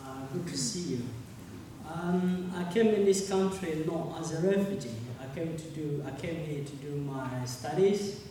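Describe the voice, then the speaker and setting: Man, 30s, earnest halting testimony, slightly high mellow voice, distant mic in an echoey hall. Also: lively intonation, a little hiss or hum. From Uganda. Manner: earnest, halting, repeats words. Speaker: speaker at a public meeting. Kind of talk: personal testimony.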